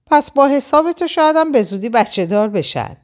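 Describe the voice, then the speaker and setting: A woman's voice: high voice, animated, pitched above the performer's own voice. A woman voicing a teasing young male friend with a playful, sly manner in an audiobook reading.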